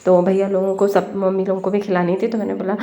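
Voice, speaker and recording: A woman's voice: mid-range voice, flat delivery, fast, mellow. Chatty young woman with a cold. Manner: chatty and homely, full of fillers like "na" and "matlab". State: has a cold. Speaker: home vlogger. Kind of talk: casual vlog chat.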